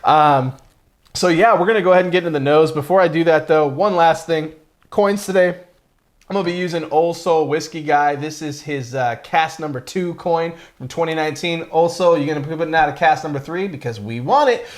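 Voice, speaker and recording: A man's voice: fairly high pitch, brisk. A man co-hosting a casual whiskey review, talking enthusiastically and rambling with many fillers.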